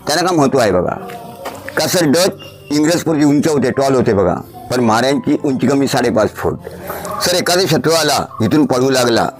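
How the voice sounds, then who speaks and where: Male tour guide, pointing things out as he walks; stone rooms with a long, roomy echo. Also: mid-range voice. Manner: addresses the listener as sir, points things out. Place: stone fort chambers and grounds. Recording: echoey stone hall, long reverb.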